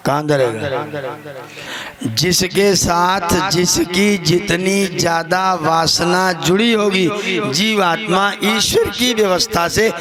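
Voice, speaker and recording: A man delivers a sermon at an unhurried pace, slightly high in pitch. He tells stories, asks the audience questions and breaks into chanted verse. Music plays clearly behind him. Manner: slow storytelling, rhetorical questions, chanted verses. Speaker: Arya Samaj preacher. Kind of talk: Hindi sermon with anecdotes.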